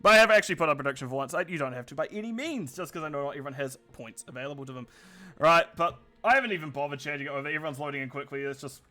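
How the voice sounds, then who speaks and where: Excitable male esports caster, bright voice. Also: a little high, very fast. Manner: excitable, chatty, laughs between calls. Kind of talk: live play-by-play commentary.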